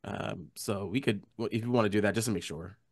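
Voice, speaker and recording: A man's voice: fairly low pitch, vocal fry. A man playing a tabletop game in casual improvised chat, repeating himself and searching for words. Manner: halting, repetitive phrasing.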